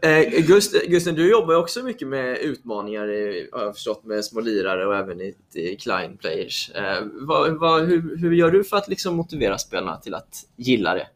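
Male podcast host, mid-pitched, brief affirmations, stumbling questions. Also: expressive, few pauses. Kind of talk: interviewing guests.

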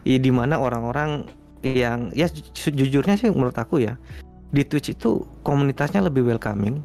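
Speaking at a normal speed, this guest streamer has a gravelly, medium-pitched voice. He talks in a loose, meandering interview style packed with fillers while gentle music plays underneath.

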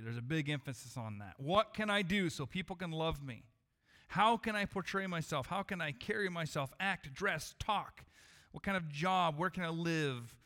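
A man with a slightly raised voice preaches to his congregation, earnest and measured, often circling back over his words. His voice rings with the long reverb of a church hall. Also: fairly high pitch, fairly bright tone. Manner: earnest, measured preaching with frequent restarts and repetitions. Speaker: pastor. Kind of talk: sermon. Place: church sanctuary.

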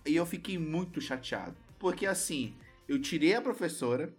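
A man with a Brazilian Portuguese accent telling a story in casual, lively chat. He swears freely and acts out his younger self. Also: fairly high pitch, normal speed, slightly rough, faint music behind.

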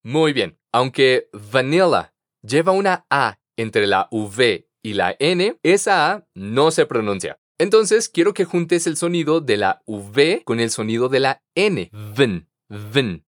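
A man teaching English pronunciation on a podcast, patient and encouraging, modeling words slowly for students to repeat. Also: mid-range voice, big pitch swings, no room sound, studio quality. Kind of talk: podcast language lesson.

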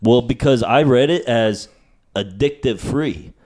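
A man's voice: mid-range voice, a little slow, a little mellow. A man in his thirties hosting a casual comedic chat, telling rambling, slangy stories. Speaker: podcast host.

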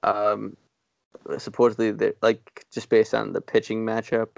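A man co-hosting a podcast, chatting casually about sports in a rambling, self-deprecating way with halting restarts. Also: fairly low pitch, monotone, vocal fry, dry recording, dull audio. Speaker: podcast co-host.

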